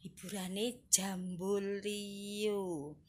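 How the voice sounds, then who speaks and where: A woman's voice: mid-range voice, level tone, very slow, a little mellow, a little hiss or hum. A woman with a Javanese accent chatting playfully in a casual home vlog, teasing and joking. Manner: playful, teasing, mixes in local words. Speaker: vlogger. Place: at home with a pet cat.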